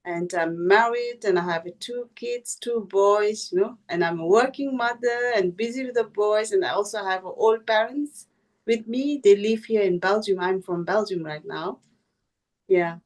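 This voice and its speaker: A woman's voice: medium pitch, measured pace. Middle-aged woman from India, native Tibetan speaker, chatty and self-effacing, sits back from the mic on a call. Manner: modest, laughing, chatty with many fillers. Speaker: guest speaker and translator. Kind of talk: casual personal introduction. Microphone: video call. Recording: voice distant from the mic.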